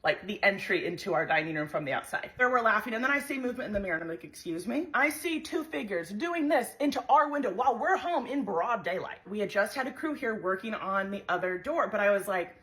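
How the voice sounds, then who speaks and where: A young woman animatedly telling a dramatic, self-mocking story to her phone camera at home, full of quick asides. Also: mid-range voice, lively intonation, a bit bright. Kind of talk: casual storytelling vlog to camera. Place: home, indoors.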